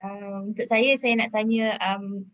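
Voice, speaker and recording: A woman's voice: medium pitch, fairly even intonation, takes it slowly, dull audio. A woman asking a coach a question. She is hesitant, uses many fillers and mixes English into her Malay.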